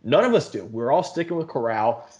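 A man's voice: medium pitch, big pitch swings, brisk, a little mellow. A man hosting a casual football draft talk show, leading the discussion and asking his co-hosts for their takes. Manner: leads the discussion, asks for takes. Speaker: podcast host.

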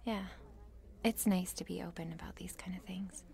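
A woman voicing a shy, meek cheerleader with a crush in an ASMR role-play, nervous and halting, in a soft breathy voice. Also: on the low side, fairly even intonation. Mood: hesitant, relieved. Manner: meek, nervous, halting, self-deprecating and apologetic.

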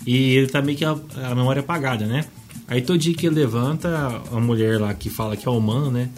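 A man at an ordinary mid pitch chats on a podcast, rambling through stories and fishing for names. He keeps a playful, loose tone. Faint music plays underneath. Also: fast, a little mellow. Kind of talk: casual chat.

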